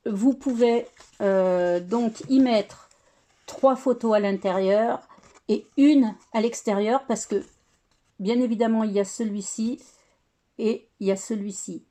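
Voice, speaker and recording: A chatty woman walks through her crafting project in a relaxed tutorial. Her voice sits a little high yet sounds mellow and dark-toned. She talks hesitantly, stacking fillers and restarting her sentences. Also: unhurried. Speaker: scrapbooking crafter showing her work.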